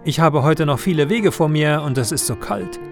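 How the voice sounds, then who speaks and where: A man voicing a friendly village postman in a children's story, speaking loud and hearty. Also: on the high side, moderate pace, creaky, music in the background, pitched above the performer's own voice.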